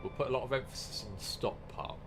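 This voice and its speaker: Fast and mid-range, this man streams a train game live, chatting to his audience, cursing, and making fun of himself. The background is noisy.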